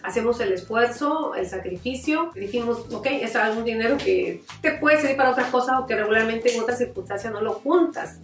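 A woman's voice: a little high, expressive, brisk, few pauses. A middle-aged woman, a mother giving heartfelt, reflective interview testimony with frequent restarts. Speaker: mother of a former camp participant. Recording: echoey room, mic at a distance, faint music.

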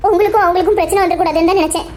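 A woman's voice: very high voice, steady tone, very fast, darkish tone, slight background noise. Woman doing a defensive young sister. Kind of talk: cartoon voice acting.

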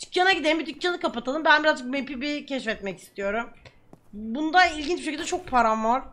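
Young female gaming commentator, bright high tone, talkative with sudden angry outbursts. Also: lively intonation, fast talker. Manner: chatty, bursts into loud swearing shouts. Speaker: gaming streamer. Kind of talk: game commentary.

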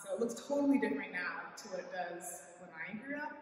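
A woman's voice: medium pitch, lively intonation, brisk. Young woman chatting thru a building tour, lots of likes, far from the mic in a big echoey room. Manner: chatty, with frequent likes and sort ofs. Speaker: youth advisory board member. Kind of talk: casual guided tour. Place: large empty indoor room with hard walls. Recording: roomy echo, from far off.

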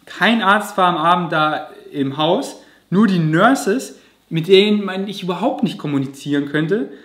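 A man's voice: high voice, expressive, unhurried, fairly bright tone. A man vlogging, telling a personal story to camera in a vivid, emotional way with casual swearing. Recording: roomy echo.

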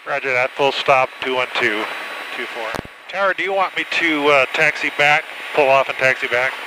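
A man's voice: mid-range voice, moderate pace. An older man talking over a pilot headset in a small plane cockpit, making radio calls and talking to himself. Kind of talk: aviation radio calls and cockpit self-talk. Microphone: pilot headset microphone. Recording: loud engine noise, pilot headset intercom.

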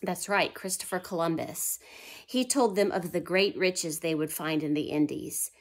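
With a voice on the low side and a normal pace, a woman reads history aloud to a young audience. She drops into a whisper for suspense and keeps asking questions that she answers on her own.

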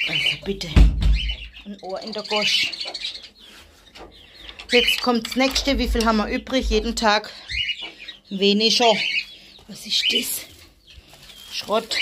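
Slow-talking woman in a noisy farmyard. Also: fairly high pitch. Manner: chatty, talks to animals in a coaxing sing-song. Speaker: vlogger. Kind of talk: casual vlog commentary. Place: farmyard stable with animals.

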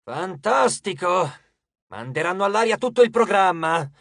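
A man voicing a boastful, hot-tempered male Titan lord of dawn in an audiobook, raised and drawn out, often shouting. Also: high-pitched, expressive, moderate pace, no room sound, clean studio sound, heavily acted. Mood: impatient.

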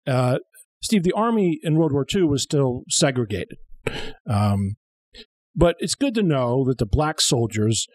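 In a small studio, a man in his thirties with a mid-range voice co-hosts a humorous film commentary show, delivering dry, sarcastic remarks. He's recorded on a close boom-arm studio mic, and the sound is dry and rough.

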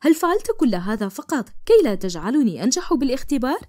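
A woman's voice: sits high, big pitch swings, quick pace, dark tone, no room sound, clean studio sound. Woman playing an earnest young lover. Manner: earnest, pleading. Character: young man in love, anxious and earnest. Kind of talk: cartoon dubbing in formal Arabic.

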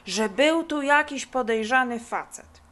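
A woman voicing a lazy, dreamy boy who talks slowly and sleepily. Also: high-pitched, expressive, fairly bright tone, voice pushed up. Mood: sleepy drawl.

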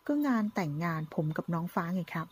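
A woman voicing a brash young man pushing his own wedding, in a low husky voice. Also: fast, darkish tone. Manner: bold and cocky.

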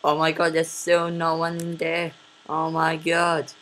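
A woman giving casual commentary over a game she is playing, excitable, often repeating words and laughing. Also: deep voice, unhurried, a little hiss or hum.

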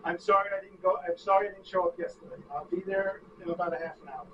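An actor playing a brash, foul-mouthed man rushing to catch a plane, talking in a pushy, rapid-fire way. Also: sits high, fairly even intonation, lightly acted. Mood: on phone. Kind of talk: indie film acting. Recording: distant, dull, noisy lo-fi recording.

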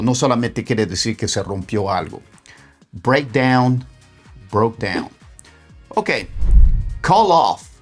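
A man teaching English phrasal verbs in a bilingual lesson, repeating example sentences slowly and acting out lively phrases. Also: on the low side. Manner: slow, deliberate model sentences repeated for learners.

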